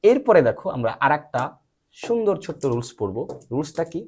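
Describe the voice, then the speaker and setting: A man teaching English pronunciation in a patient lesson, quizzing his student and spelling letters out slowly. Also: a little high, big pitch swings, darkish tone, slightly rough. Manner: asks frequent check questions and spells letters out slowly.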